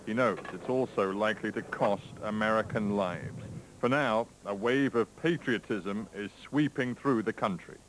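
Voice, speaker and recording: A man reporting as a television news correspondent in a measured, grave scripted delivery, heard from a worn videotape copy. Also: on the low side, slight background noise, poor audio. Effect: worn VHS tape copy.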